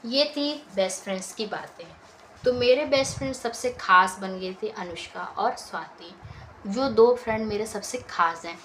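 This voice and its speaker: A woman's voice: mid-range voice, moderate pace, a bit bright, poor audio. A young woman, telling a story from her school days in a casual vlog and repeating her phrases often. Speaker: vlogger. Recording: faint background noise.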